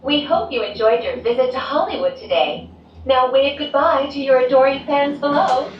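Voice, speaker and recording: A woman giving a polished, upbeat recorded announcement that plays over a cabin loudspeaker. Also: high-pitched, animated, normal speed, distant mic, slight background noise. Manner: polished, upbeat tour-guide delivery. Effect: played over a loudspeaker. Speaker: transit announcer. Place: gondola cabin. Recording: dull loudspeaker playback, echoey cabin, off-mic.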